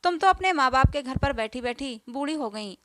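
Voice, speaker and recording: Woman doing a jealous sister-in-law, taunting, high and dry. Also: lively intonation, brisk, dry recording. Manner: taunting, accusing.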